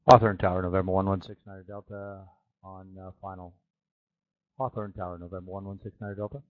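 A man makes short pilot calls over radio. His voice is deep and hurried. The channel is very thin and phone-like. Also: level tone. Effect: aviation radio transmission. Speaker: small aircraft pilot.

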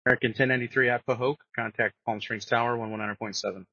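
A man's voice: mid-range voice, steady tone, fast talker, pushed and bright, dry recording. A man giving procedural instructions as an air traffic controller over radio. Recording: muffled dry aviation radio.

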